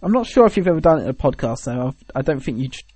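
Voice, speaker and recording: Very animated and very fast, this young British man talks in a mid-range, darkish, husky voice with no echo. Co-hosting a podcast, he chats casually, rambling, hesitating, and cracking jokes.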